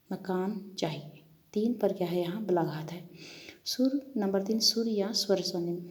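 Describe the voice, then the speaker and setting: A woman's voice: mid-range voice, dark tone. A woman professor giving a lecture on Hindi phonology, explaining terms and reading example word pairs with careful stress.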